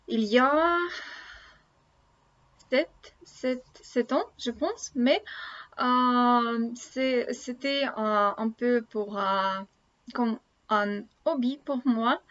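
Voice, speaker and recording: A woman in her thirties from Russia, a native Russian speaker with a Russian accent, talks casually to camera in learner French, haltingly searching for words. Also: a little high, a bit bright. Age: 30s. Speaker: language-learning vlogger. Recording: dull lo-fi sound.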